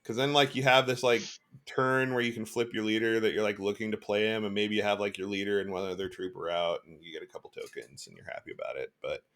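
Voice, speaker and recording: A man's voice: lowish voice, steady tone, fast, fairly bright tone. A man hosting a casual podcast chat about a card game, laughing often and moving the talk along. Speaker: podcast host.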